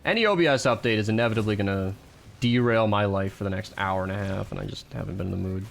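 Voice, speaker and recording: A man's voice: lowish voice, fast talker, gravelly, a little hiss or hum. A man live-streaming a game, chatting casually with viewers in a rambling, self-deprecating way and laughing often. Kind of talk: casual live-stream chat while gaming.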